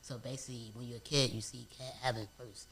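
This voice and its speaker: A man, a guest on a casual couch interview, telling stories in an animated way with street slang. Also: medium pitch, quick pace, slight background noise.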